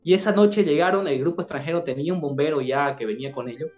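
A man's voice: fairly high pitch, fast, darkish tone, faint music behind. A man from Bolivia with a Bolivian accent, a doctor telling a personal story as an interview guest, earnestly repeating words and phrases as he goes. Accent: Bolivian Spanish.

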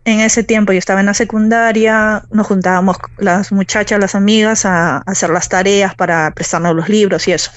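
A woman in her forties with a Peruvian accent, calling in to tell a true story in a soft, halting way with many fillers. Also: mid-range voice, steady tone, dry recording, muffled recording. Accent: Peruvian Spanish. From Peru. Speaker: caller telling a true story. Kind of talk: personal storytelling on a call.

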